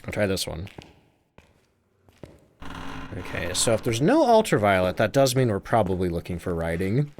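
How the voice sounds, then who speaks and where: A man's voice: lowish voice, sing-song, moderate pace, long pauses, darkish tone, a little hiss or hum. A man streaming a game live, chatting, reading viewer comments aloud and laughing often.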